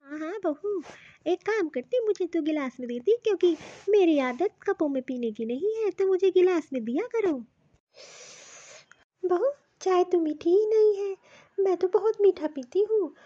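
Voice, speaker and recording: A simple, warm-hearted old mother-in-law from the village, voiced by a woman for a cartoon, talking in a homely, affectionate way. The voice sits very high. It is a dull, dry lo-fi recording. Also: lively intonation, normal speed, dry recording. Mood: meek. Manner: homely, affectionate, rustic talk. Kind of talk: cartoon voice acting.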